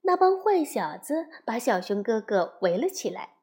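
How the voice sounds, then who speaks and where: A woman reading a children's picture book aloud in a slow, expressive storyteller's voice. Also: a little high.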